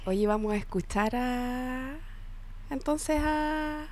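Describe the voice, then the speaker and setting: A woman's voice: high voice, slow pace. A Chilean woman co-hosting a radio show, chatting and reading out quotes. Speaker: radio co-host. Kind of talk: casual radio chat.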